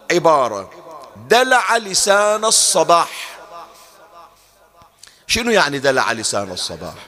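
A man preaches with a slightly raised pitch. He teaches through rhetorical questions, posing each one and then answering it himself. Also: bright, forceful tone. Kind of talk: religious lecture.

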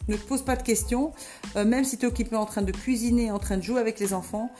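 A woman's voice: a little high, steady tone, quick pace, dark tone, soft background music. Chatty woman telling a teaching story. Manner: chatty, many hesitations. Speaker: language coach. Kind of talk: storytelling lesson.

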